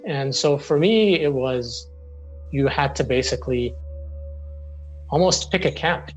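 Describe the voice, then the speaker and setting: A man in his forties talks earnestly about his legal work in an interview. His voice sits at a middle pitch, and he often restarts and repeats words as he thinks. He is a lawyer from Syria who grew up in the Middle East. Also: muffled recording. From Syria, raised in the Middle East. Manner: earnest, speaks in restarts and repetitions.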